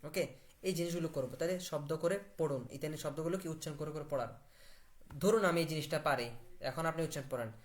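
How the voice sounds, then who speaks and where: A man's voice: on the high side, fast talker. A man teaching Italian in a live online class. He asks the class questions, answers them himself and repeats words for stress.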